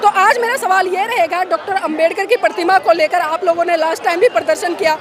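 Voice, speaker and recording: Pressing woman reporter in a loud crowd. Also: very high voice, quick pace, background noise. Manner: pressing, repeats questions. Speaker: street reporter. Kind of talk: street interview at a protest. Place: outdoor protest crowd.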